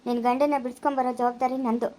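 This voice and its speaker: A woman voicing a calm, protective elder brother-in-law who soothes and reassures. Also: fairly high pitch, rapid-fire, lightly acted. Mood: soothing. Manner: soothing, steady.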